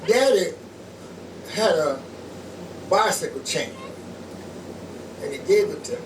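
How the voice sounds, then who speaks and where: A high-voiced man preaches slowly, one short phrase at a time, pausing for his interpreter. He is picked up from across an echoey little room, with loud noise all around him. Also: lively intonation, distant mic. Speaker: pastor. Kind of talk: sermon with interpreter. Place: small home church.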